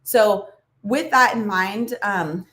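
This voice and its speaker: A woman with a medium-pitched, slightly bright voice speaks slowly in an echoey room. She hosts a nutrition channel's livestream Q&A, explaining things casually with fillers and little laughs, her voice a bit froggy as she clears her throat and coughs.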